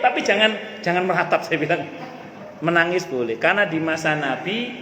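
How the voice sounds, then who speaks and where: A male preacher, giving a lively religious talk in casual speech to a live audience, repeating his main points. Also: on the high side. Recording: echoey hall with faint room noise.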